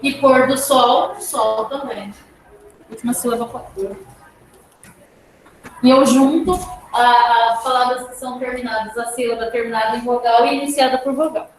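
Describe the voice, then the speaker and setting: A Brazilian woman teacher with a slightly high voice explains a poem to her class at a patient, step-by-step pace, checking in with "tá?" again and again. She sounds roomy and echoey, as if caught by a microphone across the classroom, with faint noise underneath. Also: fairly even intonation. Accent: Brazilian Portuguese. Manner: explains slowly, often adding "tá?". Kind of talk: classroom lesson on poetry. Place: school classroom.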